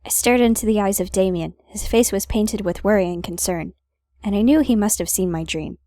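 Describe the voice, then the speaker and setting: A woman's voice: mid-range voice, a little fast, warm tone, dry recording. A woman hosting a gaming video, reading visual novel narration aloud with playful, wry casual asides.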